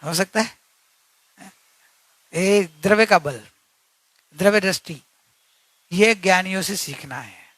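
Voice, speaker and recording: A man's voice: high voice, slow pace, long pauses, a bit bright, dry recording. A man giving an earnest religious discourse, repeating key points and asking rhetorical questions. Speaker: spiritual teacher.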